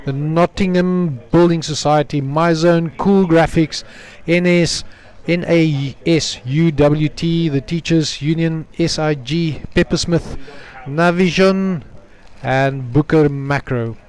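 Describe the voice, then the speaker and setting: A man's voice: fairly high pitch, steady tone, slow pace, a little mellow. South African man commentating a match. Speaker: sports commentator. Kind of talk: live sports commentary.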